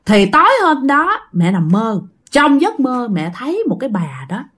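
A middle-aged woman with a Southern Vietnamese accent tells a ghost story, speaking directly to her listeners in an animated way. Her voice is on the high side and her pace is normal.

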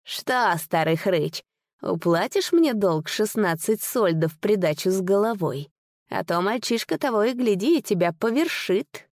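A woman's voice: mid-range voice, lively intonation, measured pace, no room sound, clean studio sound, close to an everyday voice. A woman voicing an old, sly and greedy male sorcerer who taunts and sneers. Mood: sneering.

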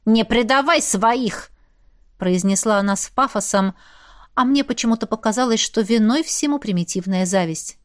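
A woman narrating a fantasy romance audiobook in first person, expressive and lively. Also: medium pitch, brisk.

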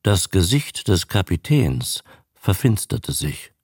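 A man narrating a novel for a radio reading in a measured, expressive storytelling manner, close to a studio mic. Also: sits low, breathy edge, dry recording.

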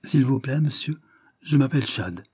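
A man's voice: medium pitch, expressive, normal speed, a little mellow, slightly rough, dry recording, clean studio sound, pitched above the performer's own voice. A man voicing a sly, ragged young boy who pleads and wheedles. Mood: pleading.

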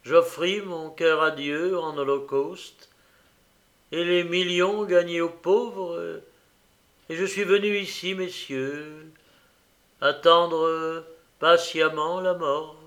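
A man's voice: fairly high pitch, drawn-out words, long pauses, voice pushed up. A man voicing an old, tormented gambler who turns desperate and furious. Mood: anguished. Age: older. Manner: anguished, rising to shouted rage.

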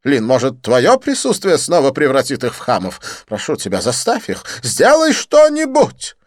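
A man voicing an excitable, theatrical, quick-tempered gossip in an audiobook, with a shrill, exclamatory, huffy delivery. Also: dry recording, clean studio sound. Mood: indignant, furious. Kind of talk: audiobook character voice.

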